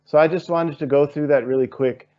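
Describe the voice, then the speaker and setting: A man's voice: fairly high pitch, fairly even intonation, fairly quick, dull audio. A man hosting an interview, posing long, searching questions and thinking aloud with fillers. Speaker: interview host.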